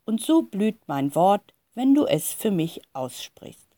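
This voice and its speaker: A woman voicing a calm, reassuring divine voice that speaks solemnly to a boy, in a storybook reading. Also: mid-range voice, takes it slowly, dry recording.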